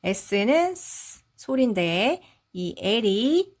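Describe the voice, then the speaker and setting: A woman's voice: on the high side, sing-song, drawn-out words. A woman teaching English phonics, patiently sounding out each syllable and blending the sounds together. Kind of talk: slow explanatory phonics lesson.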